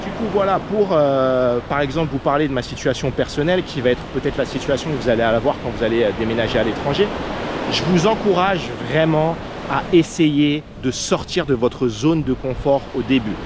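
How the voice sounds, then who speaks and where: A man from France, younger than 40, speaks fairly quickly and expressively in a mid-range voice with a French accent. Working as a vlogger and expat coach, he earnestly gives casual advice with many fillers against an outdoor backdrop of waves and traffic.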